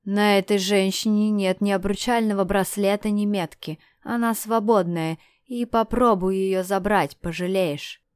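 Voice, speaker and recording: A woman voicing a brash, menacing male stranger who mocks and threatens, loud and leering. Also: medium pitch, fairly even intonation, a little slow, hardly any pauses, clear, resonant tone, no echo, clean studio sound, lightly acted. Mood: sneering.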